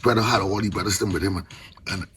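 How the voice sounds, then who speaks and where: A man's voice: sits low, fairly even intonation, fast talker, sharp tone, slight background noise. An older man from the Bahamas with a Caribbean accent, reasoning informally and with passion in Rasta speech with patois phrasing. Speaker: Rastafarian elder.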